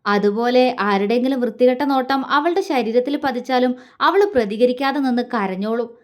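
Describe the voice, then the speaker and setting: A woman reads out a protective young man in a spoken love story. He teases lightly, and his tone turns grave at times, in a voice that sits on the high side. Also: fairly quick, close to an everyday voice. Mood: teasing. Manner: teasing, then grave. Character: young man, teasing yet protective friend.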